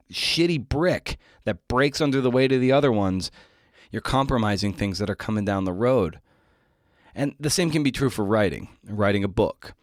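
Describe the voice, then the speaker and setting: In a dry, studio-quality recording, a man in his forties with a mid-range voice hosts a solo podcast. He thinks aloud in a relaxed, conversational way, turning questions back on himself in a reflective monologue.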